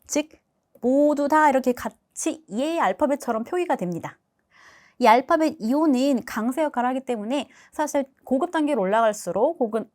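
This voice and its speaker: A woman teaching a language lesson, patiently explaining rules and repeating each example word slowly. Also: sits high.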